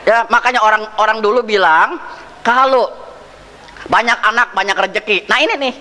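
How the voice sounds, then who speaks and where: High bright-voiced male preacher in a hall. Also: normal speed. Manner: rhetorical questions, addresses congregation directly; jokey, acts out dialogue. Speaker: pastor. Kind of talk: preaching sermon with humor. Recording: reverberant hall.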